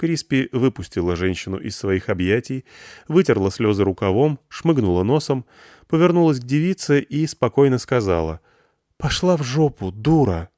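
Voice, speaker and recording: A man reading an audiobook narration with expressive, varied intonation. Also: medium pitch, normal speed, no echo, clean studio sound. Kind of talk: scripted narration.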